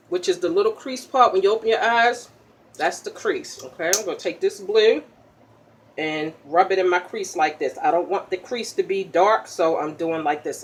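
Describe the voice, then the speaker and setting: A woman hosting a casual makeup tutorial in an ASMR style, chatty and popping gum, checking in with "okay?" after each step. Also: lowish voice. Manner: pops chewing gum while talking.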